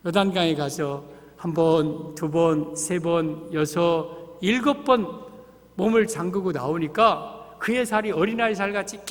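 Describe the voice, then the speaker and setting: High-voiced pastor preaching in a reverberant church. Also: male voice. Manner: animated storytelling, acting out characters. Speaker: senior pastor. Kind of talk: sermon. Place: church sanctuary. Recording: long reverb of a church sanctuary.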